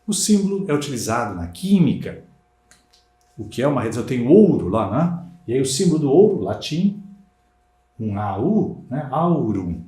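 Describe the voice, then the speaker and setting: A male teacher from Brazil gives an exam-prep lecture, stressing points with emphatic questions and tags. His mellow voice swings widely in pitch. The sound carries the echo of a classroom. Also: normal speed. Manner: lively, emphatic teaching with frequent rhetorical tags. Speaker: Portuguese language teacher. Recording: echoey room.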